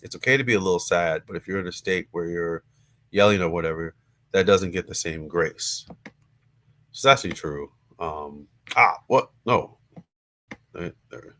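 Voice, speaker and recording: A man hosting a livestream, reading news articles aloud in a hesitant way, with many fillers and pauses, into his computer's built-in mic. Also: low voice, sharp tone.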